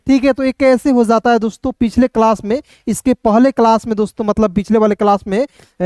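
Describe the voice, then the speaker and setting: A man teaching an online lesson, who spells out letters slowly, asks questions and answers them himself, and keeps addressing his viewers as friends. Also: very high-pitched, a little mellow, clear, resonant tone, no room sound, studio quality. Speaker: English teacher.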